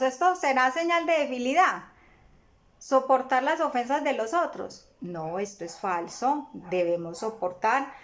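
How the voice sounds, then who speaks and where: A woman giving a church Bible lesson in a fairly high voice. She speaks slowly and deliberately, dwelling on each phrase. She is earnest and checks in with her listeners through rhetorical questions. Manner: earnest, asks rhetorical questions, acts out everyday examples. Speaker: church teacher.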